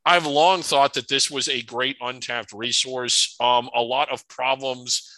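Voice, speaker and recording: A man's voice: mid-range voice, steady tone, unhurried, sharp tone, dry recording, rough recording. A man co-hosting a sports podcast, opinionated and prone to stumbling restarts. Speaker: podcast co-host. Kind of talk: casual sports podcast chat.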